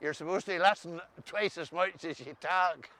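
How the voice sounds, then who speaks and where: Bright-voiced Ulster Scots man, wryly chatting. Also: a little high, moderate pace. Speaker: co-host discussing dialect words. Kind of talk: conversational chat explaining dialect words.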